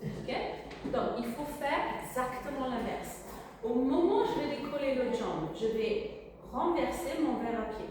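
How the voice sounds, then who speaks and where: A woman with a high voice leads a pilates class, calling out breaths and positions in brisk, unhurried commands with a teasing edge. Her voice carries across a very echoey studio, picked up from a distance over clear room noise. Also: lively intonation. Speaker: pilates instructor. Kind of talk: live class instruction.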